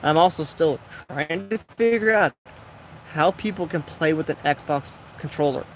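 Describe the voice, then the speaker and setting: A young man with a slightly higher voice gives loose, rambling commentary as he plays, chatting to himself and the game. A faint hum sits behind his voice. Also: unhurried. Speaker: gaming vlogger. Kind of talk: casual gameplay commentary.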